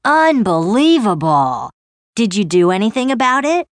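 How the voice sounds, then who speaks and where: A woman's voice: medium pitch, sing-song, unhurried, fairly bright tone, dry recording. A woman reading a scripted dialogue for language learners, responding with questions as the listener.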